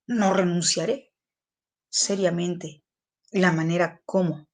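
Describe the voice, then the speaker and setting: A woman's voice: on the low side, fairly even intonation, takes it slowly. A woman teacher speaks in an online class. She goes over the point patiently, repeats key phrases and checks that her students follow.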